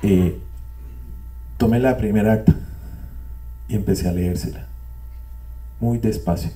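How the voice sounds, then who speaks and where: A man's voice: fairly low pitch, steady tone, measured pace, warm tone, recorded from a distance. An older man sharing a reflective, repetitive testimony with a live audience, with wry digressions. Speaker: speaker at a spiritual community gathering. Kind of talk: reflective testimony talk to a group. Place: meeting room with a live audience.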